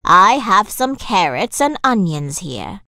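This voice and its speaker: In an animated children's story, a woman voices a kindly, prim older village mother who is polite but a little sceptical. Her pitch is medium, her pace slow, and the performance heavily acted.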